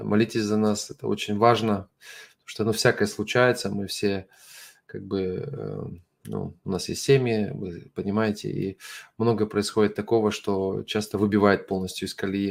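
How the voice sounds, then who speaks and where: A middle-aged man who is not a native Russian speaker, hosting an informal livestream and addressing viewers in an earnest, apologetic, halting way, often searching for words. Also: lowish voice, creaky. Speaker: host of an online religious ministry broadcast.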